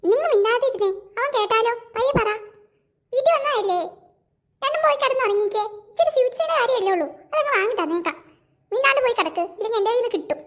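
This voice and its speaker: A fussing cartoon mother with a very high voice, half scolding, half soothing her children, as a woman puts her on. She talks in quick, homely bursts. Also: animated, a bit bright. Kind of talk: cartoon voice acting.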